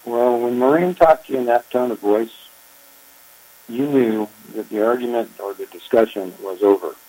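An older man, a former park chief ranger, telling his story in an interview, unhurried and reflective with frequent pauses. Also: mid-range voice, mellow, low-quality recording. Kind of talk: oral history interview.

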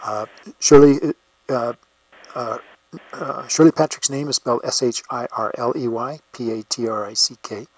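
A man's voice: mid-range voice, fairly even intonation, moderate pace, no room sound, poor audio. Hesitant male interviewer, dry sound. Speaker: oral history interviewer. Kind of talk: informal recorded interview.

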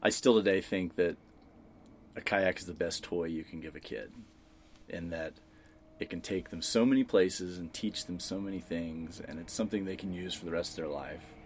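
A father with a very deep voice speaks earnestly in a relaxed interview. Faint background noise sits under the recording. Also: normal speed. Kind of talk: casual interview talk.

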